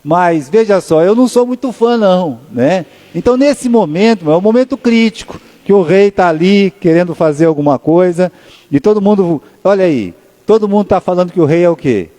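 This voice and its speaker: In a church sanctuary with long reverb, a male pastor with a Brazilian Portuguese accent preaches in a conversational, storytelling style. His voice sits high and sounds warm, with lively intonation. He often tacks tag questions onto sentences and slows down when reading scripture.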